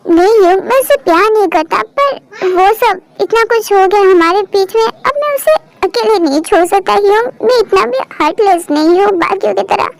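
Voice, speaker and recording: A woman's voice: very high-pitched, lively intonation, moderate pace, vocal fry, full character voice. A woman voicing a weeping young husband in a fan dub. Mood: defensive. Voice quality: tearful, pleading. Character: grieving young husband, desperate and weepy.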